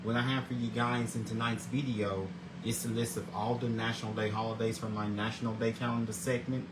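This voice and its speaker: With a fairly low, flat voice and a slightly fast pace, a forties-aged man hosts his daily video show, reading segments aloud in a casual scripted vlog. He often repeats and restarts words, greets earnestly and religiously, and background noise can be heard.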